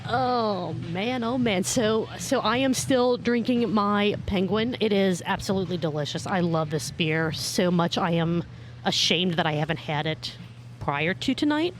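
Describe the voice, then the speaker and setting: A woman co-hosting a casual beer podcast, bubbly and teasing, rattling off plugs quickly. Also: mid-range voice, animated, a little hiss or hum. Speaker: podcast co-host. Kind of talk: casual chat over beers. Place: home room, drinking beer.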